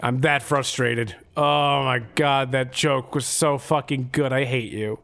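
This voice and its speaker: A man's voice: medium pitch, steady tone, unhurried, vocal fry, fairly bright tone. A young adult man streaming a game live, rambling through sarcastic, profane jokes as he plays. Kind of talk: live gameplay commentary.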